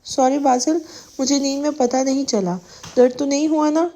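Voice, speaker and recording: A woman's voice: sits high, fairly even intonation, dark tone. A woman reading a timid, apologetic young wife.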